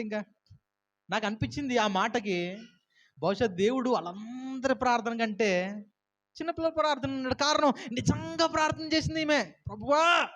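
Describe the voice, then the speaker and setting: A male pastor preaching a sermon and then leading a closing prayer. He retells a story in an animated way and then prays in a soft, earnest tone. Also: very high voice.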